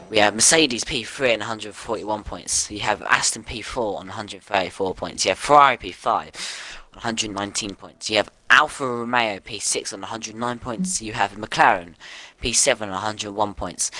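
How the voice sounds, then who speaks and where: A man doing casual live commentary on an online sim race, chatty and reeling off grid positions quickly. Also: on the low side, sharp tone, no room sound, low-quality recording.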